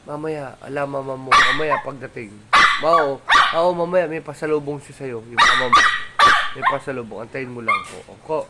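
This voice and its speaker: A man's voice: medium pitch, normal speed. Man coaxing his dog in a noisy home. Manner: soft coaxing talk to the dog, mixed with chatty explaining. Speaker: vlogger filming his pet dog. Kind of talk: casual home vlog, talking to a dog. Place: home, indoors.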